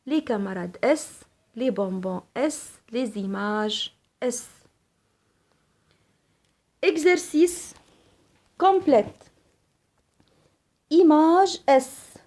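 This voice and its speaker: Slow-paced woman teaching French. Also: high-pitched, animated, warm tone. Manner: switches between French, Arabic and English to explain; spells out letters and lists examples one by one. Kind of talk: slow, deliberate classroom lesson.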